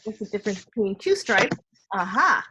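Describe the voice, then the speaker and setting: A woman speaks informally on a video call among friends. Her voice sits at a middle pitch, and she talks as one participant in a relaxed group conversation. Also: normal speed, breathy edge. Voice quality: smoker's cough. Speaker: participant in an online get-together. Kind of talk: casual group video chat. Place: indoors on a computer video call.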